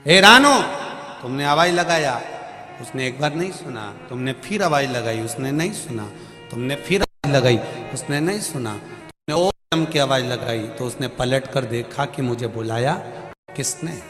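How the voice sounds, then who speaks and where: A male preacher giving an animated devotional sermon with stories, repeating phrases and swelling to loud calls. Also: mid-range voice, moderate pace. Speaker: religious preacher. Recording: long hall reverb, faint music.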